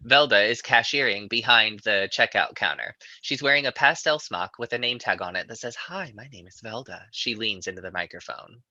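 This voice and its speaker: A man's voice: on the low side, normal speed, few pauses, bright, forceful tone, no room sound, lo-fi sound. A man narrating stage directions in a live screenplay reading.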